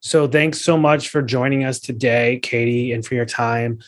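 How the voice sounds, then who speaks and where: A man hosting a podcast, asking measured, polite questions and closing the show. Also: mid-range voice, steady tone. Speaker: podcast host.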